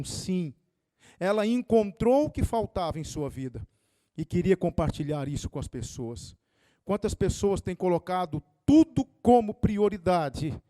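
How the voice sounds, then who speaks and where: A man's voice: sits high, dark tone, no echo, clean studio sound. A male pastor, preaching an impassioned sermon that swells and drops. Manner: impassioned, rising and falling dynamics.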